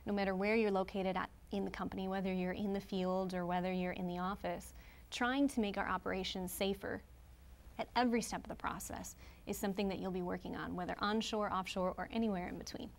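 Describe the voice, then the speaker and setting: A woman's voice: mid-range voice, steady tone, fairly quick, vocal fry. A woman presenting to engineers in a webcast studio, explaining steadily and posing rhetorical questions.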